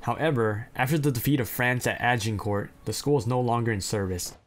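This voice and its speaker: A man reads through anime plot summaries at a middle pitch, with faint music under him. He keeps cutting in with blunt, profane, self-deprecating remarks between the synopses. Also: brisk. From China. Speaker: anime list narrator. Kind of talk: reading anime synopses with casual asides.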